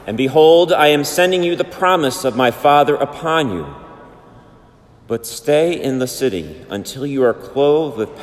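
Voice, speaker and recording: A parish priest from Brooklyn, New York, reading the Gospel and preaching a Sunday homily in an unhurried, plainspoken way, heard in a cathedral echo. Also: male voice, medium pitch. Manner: unhurried, plainspoken, with casual fillers. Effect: cathedral echo, long church reverb. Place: large church sanctuary. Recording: long reverb in a large church.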